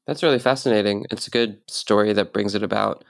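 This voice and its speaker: A man's voice: lowish voice, fairly quick, vocal fry. A man hosting a podcast interview, asking friendly, curious questions. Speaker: podcast host.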